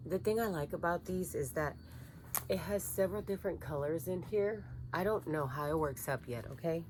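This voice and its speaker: Low-voiced chatty woman vlogging. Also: normal speed, darkish tone, a little hiss or hum. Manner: chatty, rambling, gushing over yarn. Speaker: crochet vlogger. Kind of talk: casual vlog chat.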